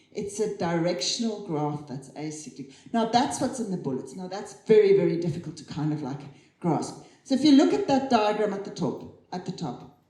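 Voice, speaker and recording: Lively woman speaker in a roomy hall. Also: medium pitch. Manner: lively, chatty, laughs at herself. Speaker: conference keynote speaker. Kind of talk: live tech talk on stage. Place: conference hall.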